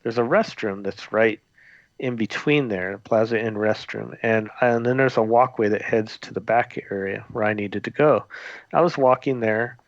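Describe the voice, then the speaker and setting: A former theme park custodian, a man with a lowish voice, tells a story at a moderate pace in a rambling, conversational way full of fillers and restarts. The recording is dull, lo-fi and dry, with no echo.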